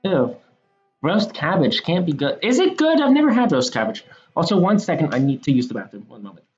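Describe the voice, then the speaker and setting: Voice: mid-range voice, sing-song, fairly quick. A streamer chatting casually while role-playing in a game, talking in a rambling, hesitant way with plenty of fillers. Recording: roomy, dull sound with soft music underneath. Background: game soundtrack music.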